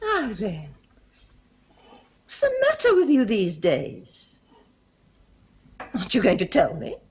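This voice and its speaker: Posh lady of the house in a period tv drama, husky, lively pitch, bossy but kind. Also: slow, full character voice. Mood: soothing. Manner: crisp upper-class commands, then gentle reassurance. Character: aristocratic lady of the house, firm yet kindly. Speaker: mistress of the house. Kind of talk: 1970s period television drama.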